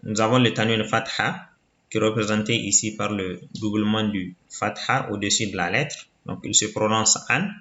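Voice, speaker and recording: A man teaching a reading lesson in a slow, deliberate way, patiently repeating each sound for the learner. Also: medium pitch, bright, forceful tone. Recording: muffled, roomy recording.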